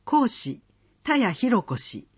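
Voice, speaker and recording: A slow, measured voice reads out community event listings one item at a time, with a husky, breathy edge and a lively rise and fall in pitch. The recording sounds dull and lo-fi. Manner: slow, measured listing of dates and phone numbers. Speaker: announcement reader.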